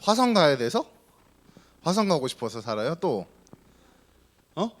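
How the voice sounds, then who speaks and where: A man's voice: a little high, very animated, a little slow. A man preaching as pastor to a group of children, keeping them engaged with questions and playful teasing. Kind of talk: children's sermon.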